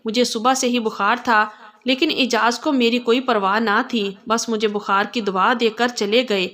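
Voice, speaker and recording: A woman tells a first-person story in a steady, expressive way. Her voice sits a little high for a woman, and her delivery is that of a reader narrating a moving tale.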